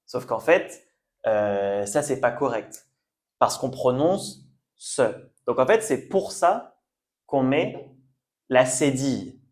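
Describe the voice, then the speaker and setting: A man teaching a French pronunciation lesson, slowly repeating each word for learners. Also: medium pitch, expressive. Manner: slow, careful, repeats words for learners. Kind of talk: language lesson at a whiteboard.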